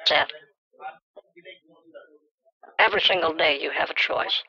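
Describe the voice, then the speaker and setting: A man talking through a pitch-shifted voice changer on a call, earnestly lecturing the other caller and repeating his name. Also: measured pace, creaky, pushed and bright, breathy edge, dull audio. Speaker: scam baiter on a call. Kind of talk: phone call confrontation.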